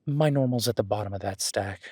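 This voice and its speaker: In a roleplay audio drama, a man plays a friendly, easygoing werewolf boyfriend coaching his date at the gym, rambling and encouraging in a one-sided casual conversation. His lowish voice is mellow and slightly rough, fairly quick, with no room sound.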